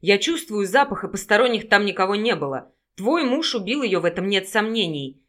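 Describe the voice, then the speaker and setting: A woman's voice: mid-range voice, very animated, a little fast, natural voice. A woman voicing a scornful, menacing male werewolf investigator who talks with contempt and often raises his voice.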